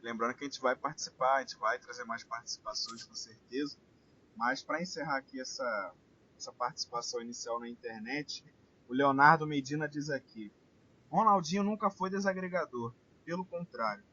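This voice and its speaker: A man hosting a casual football chat, reading listener messages in a relaxed, conversational way with frequent tag questions. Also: mid-range voice, fairly quick, husky. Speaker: podcast host. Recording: dull lo-fi sound with faint hiss.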